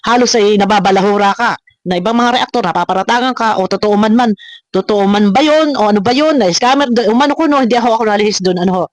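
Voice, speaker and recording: A woman's voice: medium pitch, quick pace, no echo. A woman hosting a reaction video, talking straight to her critics in a confrontational rant full of repeated words and rhetorical questions. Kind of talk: ranting reaction commentary.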